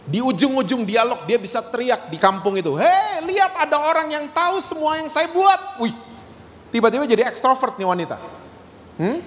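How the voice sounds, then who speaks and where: A middle-aged man preaching a sermon as a pastor, telling stories with animated acted-out quotes and mixing in English words. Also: high-pitched, big-room sound, slight background noise. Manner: animated storytelling, acting out quotes.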